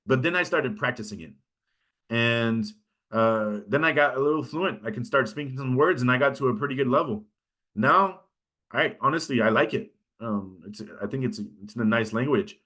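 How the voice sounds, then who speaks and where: A man from California, with a Californian American accent, gives an informal workshop lecture on pitching. His voice is mid-range with a fairly bright tone. He keeps it conversational and often checks in with his listeners.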